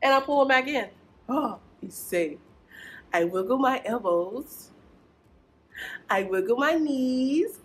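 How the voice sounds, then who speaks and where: A young children's librarian hosts a preschool storytime in a small indoor library corner, speaking to small children in a singsong, encouraging way. Her high, fairly bright voice is expressive and slow, with long pauses and a little hiss or hum.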